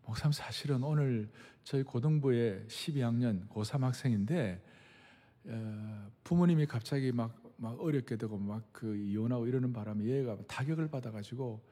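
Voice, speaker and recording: A man's voice: medium pitch, moderate pace, dark tone, pitched below the performer's own voice, close to an everyday voice. An older man voicing a panicked young youth minister who pleads and cries out in alarm. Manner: urgent, pleading, crying out. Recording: long reverb of a big hall.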